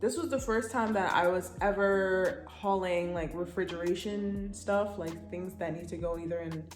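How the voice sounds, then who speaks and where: A young woman from Canada, chatty and animated, telling a story in a vlog. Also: on the low side, normal speed, soft background music. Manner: animated, chatty, often breaks into laughter. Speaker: vlogger. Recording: echoey room.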